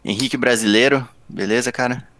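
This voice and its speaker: A man's voice: mid-range voice, steady tone, fairly quick, a bit bright. A man with a Brazilian accent hosting a podcast in a casual, conversational style. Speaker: podcast host.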